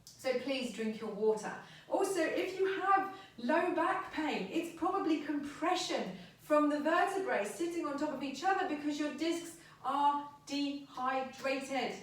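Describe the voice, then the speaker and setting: Woman therapist, high and emphatic, far from the mic in a booming echoey room. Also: measured pace, hardly any pauses. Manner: chatty and emphatic, repeats advice. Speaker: back pain therapist. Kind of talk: informal health talk to camera.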